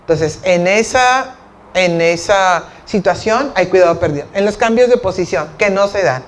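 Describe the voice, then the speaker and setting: A woman giving a nursing lecture to an audience in a lecture hall, lively and teasing, acting out short dialogues between nurses and patients. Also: on the low side, normal speed. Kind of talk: conference lecture.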